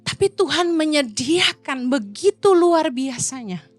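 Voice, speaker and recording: High-voiced, lively woman preaching. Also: measured pace, no echo. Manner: lively, playful, acts out quoted voices. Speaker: pastor. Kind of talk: sermon.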